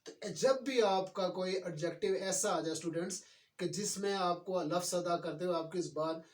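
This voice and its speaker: A man teaching a grammar lesson, explaining slowly and repeating words. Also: sits high, far from the mic.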